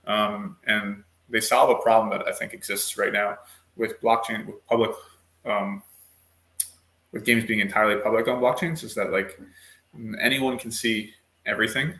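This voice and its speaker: A man's voice: on the low side, steady tone, moderate pace, sharp tone. A man speaking as a panel guest, explaining things patiently with frequent ums. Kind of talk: online panel discussion. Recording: echoey room.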